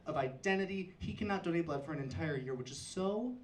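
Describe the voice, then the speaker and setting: A man's voice: on the high side, expressive, quick pace, slight background noise. A young man doing a campy, self-mocking stand-up set, with a punchy delivery and audience laughter behind him. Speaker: stand-up comedian. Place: comedy club. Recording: roomy club sound from far off.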